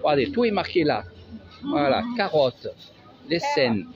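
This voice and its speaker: A man's voice: fairly high pitch, huge pitch swings, measured pace, vocal fry. A man with a Marseille accent, chatty and sing-song, giving a casual walking tour of an outdoor market as a travel vlogger. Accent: Marseille French. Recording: dull lo-fi audio with music.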